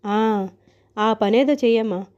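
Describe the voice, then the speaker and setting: A woman's voice: fairly high pitch, slow pace, darkish tone, clear, resonant tone. A woman reading a story aloud, voicing a breezy, teasing grown son who talks back to his mother. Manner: teasing, offhand. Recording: dull lo-fi recording.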